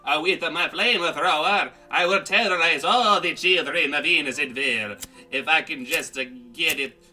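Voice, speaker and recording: A man's voice: on the high side, normal speed, pushed and bright. A man voicing a bumbling older male arsonist villain who stammers and hesitates. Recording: distant mic, music bed.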